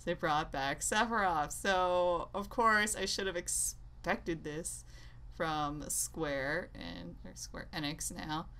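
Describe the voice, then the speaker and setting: Talking slowly in a fairly low, fairly bright voice, a woman who creates gaming content delivers a casual, unscripted rant full of opinions for her viewers. She rambles with exasperation and keeps interrupting herself.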